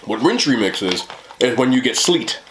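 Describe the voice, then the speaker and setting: A man's voice: mid-range voice, big pitch swings, normal speed, background noise. A man in his thirties in casual, rambling mukbang chat, joking in slang and talking between bites as he eats. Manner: talks between bites while eating. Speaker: mukbang host. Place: small indoor room, seated at a table.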